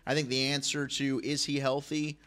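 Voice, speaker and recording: A man giving emphatic, opinionated high school football analysis in a studio. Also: flat delivery, normal speed, fairly bright tone. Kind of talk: sports analysis.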